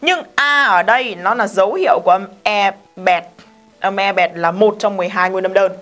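A woman's voice: mid-range voice, normal speed, fairly bright tone, soft background music. A woman, teaching an English lesson in a casual, emphatic way and often asking her students questions. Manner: chatty, emphatic, talks straight to students with questions.

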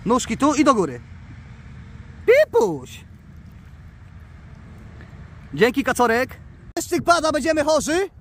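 A man vlogging outdoors by the water, excitedly coaxing his pet bird and calling its name. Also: extremely high pitch, normal speed. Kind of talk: casual outdoor vlog.

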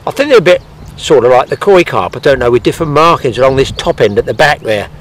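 Out on a lake bank, a fishing instructor in his sixties gives a plain-spoken, practical angling demonstration, talking as he works with his hands. His medium-pitched voice swings widely in pitch, and he speaks fast.

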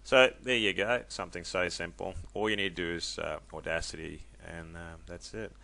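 A man casually walking viewers through a software tutorial, chatty and loose, with many ums and self-corrections. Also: low voice, fairly even intonation, normal speed, vocal fry. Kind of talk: casual screen-recorded tutorial.

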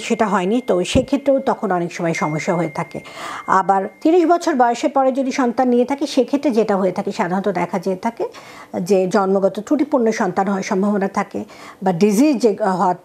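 A woman doctor with a Bangladeshi Bengali accent gives a measured health explanation to viewers. Her voice is a little husky and sits at an ordinary middle pitch. She pauses often and mixes English medical terms into her speech. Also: a little mellow. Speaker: gynecologist answering viewer questions.

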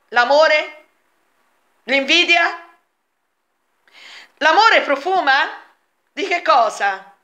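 High, bright-voiced woman vlogger. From Italy. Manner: rhetorical questions, emphatic and insistent. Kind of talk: argumentative monologue answering a comment.

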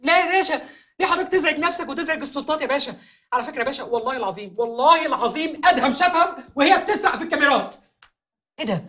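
A man's voice: extremely high pitch, lively intonation, racing, pushed and bright, heavily acted. An actor with an Egyptian accent playing a pleading, fawning young man. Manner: pleading, wheedling. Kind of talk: comedy series acting.

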